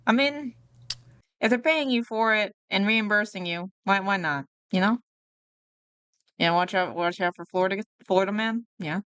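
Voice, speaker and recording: A woman streams casual live reactions in a smooth, clear voice. She muses and rambles as she goes, and the sound is dry and close. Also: medium pitch, normal speed, fairly bright tone, no echo, highs cut off. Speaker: VTuber streamer reacting to a video.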